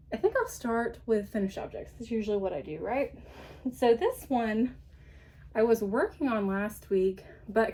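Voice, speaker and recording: A woman's voice: mid-range voice, a little mellow. A woman hosting her podcast in a casual show-and-tell chat, rambling along with frequent ums and light laughs, slightly out of breath. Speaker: podcast host.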